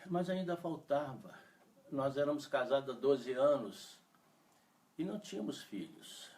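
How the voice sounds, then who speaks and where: A man's voice: mid-range voice, expressive, unhurried, a little mellow. A man, a pastor from Brazil, telling an emotional testimony in a sermon and voicing the people he quotes. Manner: emotional storytelling, voices quoted speech. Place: church. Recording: voice from far off the mic.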